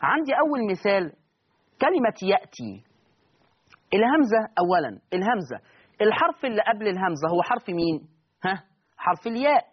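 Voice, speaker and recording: Husky Egyptian man teaching Quran recitation. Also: high voice, big pitch swings, brisk, pauses often, dull audio. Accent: Egyptian Arabic. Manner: explains step by step, asks students questions and answers them himself. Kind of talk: recorded lesson.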